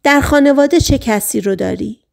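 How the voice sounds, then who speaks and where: A woman reading the lines of a calm male psychiatrist who gently questions a patient under hypnosis. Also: high-pitched, gravelly. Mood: gentle.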